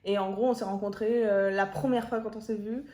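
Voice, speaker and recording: This woman, a Marseille native in her 20s, co-hosts a couple's Q&A vlog with a chatty, giggly, teasing manner. She speaks briskly with a warm tone, medium pitch and fairly even intonation, and the room sounds echoey.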